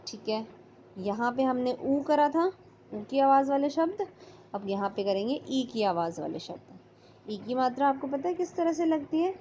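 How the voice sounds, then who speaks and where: A woman's voice: sits high, expressive, normal speed, dark tone, slight background noise. A woman teacher going through a workbook lesson, patiently sounding out letters and words. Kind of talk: online class lesson. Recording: slightly dull lo-fi audio.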